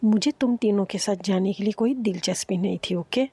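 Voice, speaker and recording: A woman voicing a sharp-tongued young woman who scolds her friends quickly and sarcastically. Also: medium pitch, slight background noise, close to an everyday voice. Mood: scolding.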